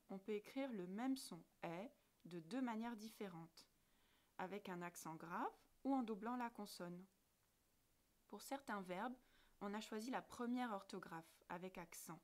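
A woman teacher narrating a scripted grammar lesson, articulating each word carefully and spelling out letters one by one. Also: medium pitch. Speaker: French language teacher.

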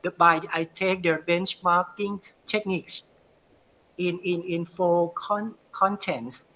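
A man from northeastern Thailand with a Thai accent, a university lecturer presenting his research and answering questions on a video call, halting and repeating words as he searches for them. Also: high voice, fairly even intonation, sharp tone, a little hiss or hum, low-quality recording. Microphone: video call webcam.

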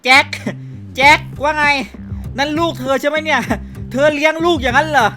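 A man giving playful, excitable gameplay commentary, laughing often and using crude slang. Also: very high voice, normal speed. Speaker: gaming YouTuber. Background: background music.

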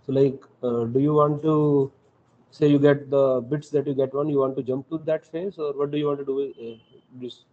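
A man in the audience asks a question haltingly, searching for his words. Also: mid-range voice, fairly even intonation, mellow. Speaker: audience member asking a question. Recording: muffled, distant room mic.

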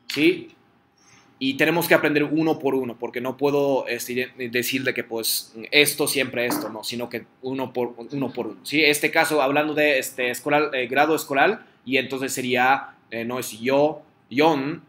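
A man's voice: mid-range voice, fairly even intonation, moderate pace, fairly bright tone. A man teaching a class in Spanish, explaining patiently step by step and checking in with his students. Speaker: Japanese teacher.

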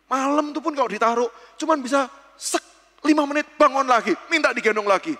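A man in his thirties giving a church seminar talk as a pastor, telling stories in a lively way and acting out the voices he quotes. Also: extremely high pitch, a little fast. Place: church hall. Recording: long church-hall reverb.

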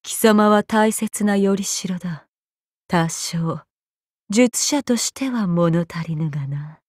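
Slow, haughty gorgon woman. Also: mid-range voice, a little mellow, no room sound, studio quality. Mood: aloof. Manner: imperious, cold, contemptuous, deliberate archaic phrasing. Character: haughty, vengeful female gorgon monster, menacing and disdainful. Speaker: voice actor. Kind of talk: scripted anime game character lines.

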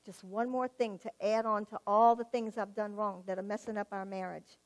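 A woman's voice: medium pitch, normal speed. A woman giving a personal testimony in church, telling her story vividly and acting out the dialogue. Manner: animated storyteller, acts out quoted dialogue, laughs at herself.

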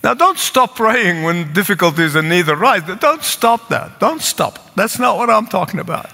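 A man's voice: high-pitched, big pitch swings, normal speed, gravelly, bright, forceful tone, soft background music. An older man with an Egyptian accent preaching a sermon from a pulpit in a large church, earnest and pleading, repeating phrases for emphasis. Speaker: pastor. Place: large church sanctuary with congregation. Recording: long church hall reverb.

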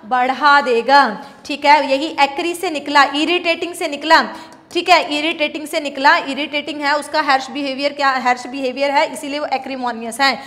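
A woman with a high voice and an Indian accent teaches English vocabulary. She explains patiently, asking questions and answering them herself. She talks to her students in a warm, teacherly way. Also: steady tone, moderate pace. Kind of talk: classroom vocabulary lesson.

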